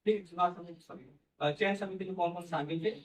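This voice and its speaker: A man lectures to a classroom, talking through each point step by step and checking in with his students as he goes. His voice sits high for a man. He has no microphone, so he sounds distant and the room echoes around him. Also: brisk. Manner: explains step by step, repeats "theek hai" and "hai na". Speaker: teacher. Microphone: no microphone, far from the recorder.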